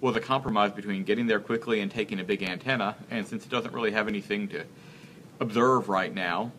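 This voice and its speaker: A man in his thirties, an interview guest speaking in a casual live-stream chat, earnest and halting as he searches for words. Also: lowish voice, fairly bright tone, slight background noise. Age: 30s.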